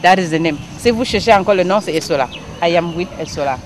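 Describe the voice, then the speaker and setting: A Cameroonian woman hosting an interview, talking in an animated way with lots of "you know". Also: on the low side, quick pace, a loud crowd. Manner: animated, switching between English and French, many "you know" fillers. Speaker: show host. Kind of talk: interview introduction and conversation. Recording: clear outdoor background noise.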